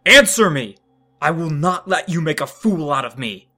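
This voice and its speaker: A man's voice: medium pitch, normal speed, a bit bright, breathy edge, soft background music. A man reading a story, voicing a young mage whose voice grows grating and accusing. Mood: furious. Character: young man, a frightened mage turning furious.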